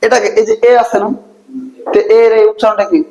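A man's voice: sits high, level tone, fairly quick, vocal fry, a little mellow, lo-fi sound. A Bangladeshi man teaching a classroom lesson, repeatedly asking questions and answering them himself in drills. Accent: Bangladeshi Bengali.

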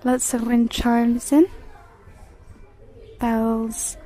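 In this shop-with-me video, shot on a handheld phone in a large home decor store, a woman with a mellow, somewhat high voice talks very slowly in a level tone. She chats away, reads price tags aloud, and now and then lowers her voice to a whisper.

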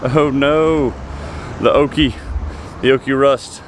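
A car vlogger in his thirties addresses viewers outdoors by roadside car lots and shops, his casual, enthusiastic commentary delivered slowly in a mid-range voice with fairly even intonation. The audio comes from a handheld camera mic and includes street noise.

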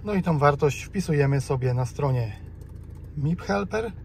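A Polish-accented man hosts a DIY car tutorial, recorded inside a vehicle, giving casual step-by-step instructions with a touch of hesitation. His voice sits on the high side, expressive and a little mellow, at normal speed. Car ambience is clearly present in the background.

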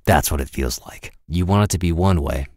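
This is a cool, world-weary American mercenary for a video game, delivering short, deadpan, understated lines with a cynical, unimpressed air. The very low voice is husky and a little fast, recorded dry and close with no room around it.

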